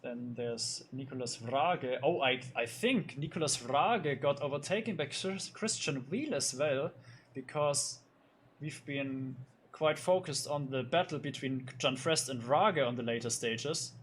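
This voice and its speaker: A man's voice: medium pitch, lively intonation, unhurried, fairly bright tone, a little hiss or hum. Easygoing male sim racing commentator. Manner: loose, hesitant, lots of fillers. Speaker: race commentator.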